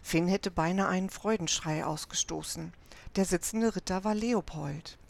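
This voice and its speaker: Frau mit knarziger Erzählstimme. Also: female voice, lowish voice, normal speed, gravelly. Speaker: audiobook narrator. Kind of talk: scripted narration of a children's adventure book.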